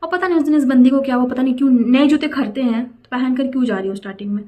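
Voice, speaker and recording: Racing through her words, a young woman tells a personal story for a casual vlog, indignant and chatty, dropping in English phrases along the way. Her voice sits high but has a dark tone.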